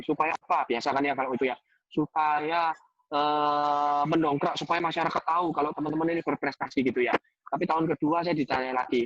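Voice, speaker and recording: A man giving a lively motivational talk on a video call, telling stories and repeating phrases for emphasis. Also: a little high, no room sound, lo-fi sound. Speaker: guest speaker.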